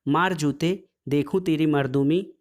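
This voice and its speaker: A man's voice: a little high, a little slow, close to an everyday voice. Dhaniya, a fiery, defiant village wife, voiced by a man reading a storybook aloud. She scolds and hurls her words in a heated rush, never backing down. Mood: angry defiance. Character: angry village woman, sharp-tongued and defiant.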